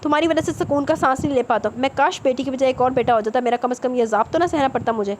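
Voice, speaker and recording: A woman's voice: sits high, steady tone, a little hiss or hum, natural voice. A woman voicing a furious scolding father. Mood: angry. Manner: scolding, shouting. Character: furious harsh father, middle-aged man.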